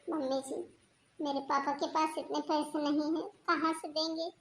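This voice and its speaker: A woman voicing a hurt young daughter-in-law in a cartoon story, with a very high, thin voice and a pleading, tearful manner. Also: little pitch movement, normal speed, a little hiss or hum, natural voice, poor audio. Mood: defiant.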